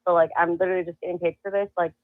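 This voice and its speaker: This guest, a woman whose voice sits on the low side, speaks in rapid-fire bursts while recounting a story in relaxed conversation. She laughs often and performs other people's lines with animation. The recording is dry, with a thin, phone-like call quality.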